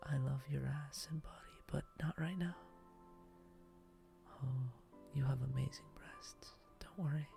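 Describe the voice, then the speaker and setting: A man whispering softly in an intimate, affectionate boyfriend roleplay for ASMR. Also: medium pitch, fairly even intonation, unhurried, vocal fry, over music.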